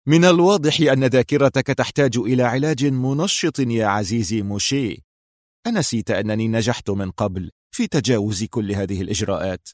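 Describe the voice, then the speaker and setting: A man's voice: medium pitch, fairly quick, no echo, studio quality, natural voice. A man voicing a sarcastic, cocky male secret agent in an audiobook. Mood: mocking. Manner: sarcastic and mocking.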